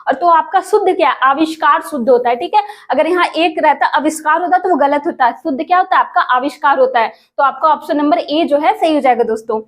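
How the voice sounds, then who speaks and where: A woman teaching an exam prep lesson, asking questions and repeating each answer for viewers. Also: high-pitched. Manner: addresses viewers as friends, asks and repeats answers.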